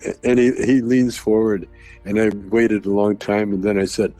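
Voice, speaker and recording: A man's voice: fairly low pitch, steady tone, normal speed, music in the background. A man telling rambling comedy stories in a casual chat and chuckling through them. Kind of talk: casual storytelling.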